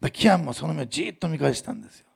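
A man preaching a sermon as a pastor, telling stories with animated delivery and acting out the people he quotes. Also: fairly high pitch, rapid-fire, creaky, breathy edge.

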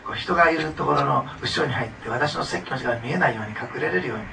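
This male pastor talks very fast in a fairly high, bright, forceful voice. His sermon feels like a conversation with the congregation, full of laughter and questions aimed at them. It was captured from a distance with noticeable background noise.

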